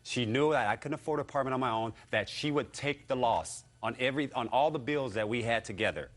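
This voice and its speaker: A man talks very quickly as he defends himself in a televised courtroom. He stumbles and repeats himself as he explains. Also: medium pitch.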